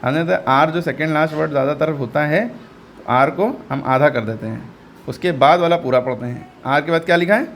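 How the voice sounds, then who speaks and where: Man, English reading teacher, patient, repeats sounds, fairly high voice, faint hiss behind. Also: fairly quick. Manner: patient, repeats each sound and quizzes the learner. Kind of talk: step-by-step phonics lesson.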